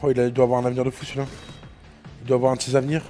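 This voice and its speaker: A rowdy, excitable man commentating live on his gambling stream, prone to loud repeated exclamations. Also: mid-range voice, racing, faint music behind. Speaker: casino game livestreamer.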